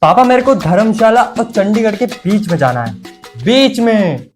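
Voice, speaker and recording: A man playing a cheeky young son who pleads quickly and whines to his family. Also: high voice, lively intonation, a little mellow, faint music behind. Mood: pleading.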